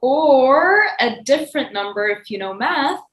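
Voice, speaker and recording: A woman's voice: sits high, animated, a little slow, roomy sound, poor audio. A young woman narrating a school fairy-tale play over video call in a theatrical, announcing way.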